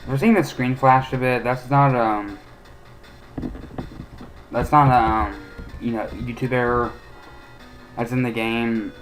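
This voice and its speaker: A man's voice: mid-range voice, fairly even intonation, slow pace, pauses often, faint music behind, rough recording. Rambling man doing game commentary. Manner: rambling, opinionated, frequent hesitations. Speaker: let's play host.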